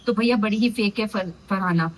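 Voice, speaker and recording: A woman's voice: mid-range voice, moderate pace, low-quality recording. A woman with a sore throat giving a casual, opinionated review of a reality show episode, acting out what the contestants said. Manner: opinionated, acts out quotes of contestants. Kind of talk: casual vlog review, Hindi-English mix.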